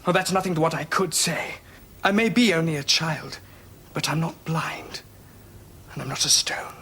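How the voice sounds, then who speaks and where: A man's voice: fairly high pitch, brisk, sharp tone, a little hiss or hum. An actor playing a resentful young Roman prince confronting his father, in 1970s television drama style.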